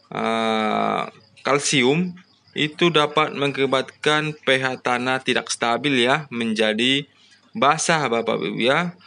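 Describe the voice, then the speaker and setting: A man's voice: medium pitch, bright, forceful tone. A man explaining a farming lesson to farmers, with frequent fillers and rhetorical questions. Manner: addresses farmers as "Bapak Ibu", frequent "ya" and "namanya" fillers. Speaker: farming channel host.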